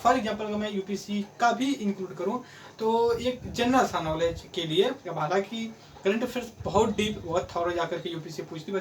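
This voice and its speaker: High-voiced man teaching, lots of uh and restarts, mic kinda far off. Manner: hesitant, many fillers and restarts. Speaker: coaching centre teacher. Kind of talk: explanatory video lesson. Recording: voice from afar, faint room noise.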